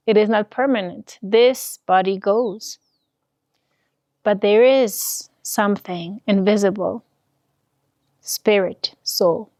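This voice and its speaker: This is a guided meditation and spiritual talk from a woman whose medium-pitched, slightly mellow voice comes across close and dry, free of room echo. She moves extremely slowly, setting down brief, soothing phrases with care and leaving gaps between them.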